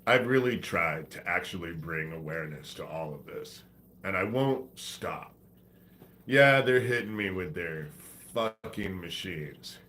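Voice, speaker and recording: A man streaming live while sick with a head cold rambles along casually, swearing as he goes. His deep voice is animated, pushed and bright, delivered at a measured pace with slight background noise.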